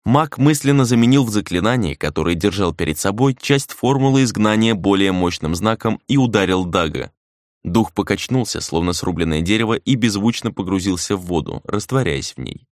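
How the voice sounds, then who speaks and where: A man reading a dark fantasy novel aloud as an audiobook narrator, measured and dramatic, slowing down for emphasis. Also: fairly low pitch, expressive, dry recording, clean studio sound.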